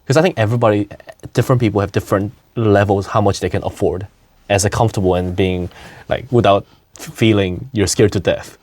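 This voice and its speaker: A young man from South Korea hosts a casual podcast conversation in a lowish, darkish voice with fairly even intonation and a brisk pace. He laughs often and speaks with many fillers and restarts.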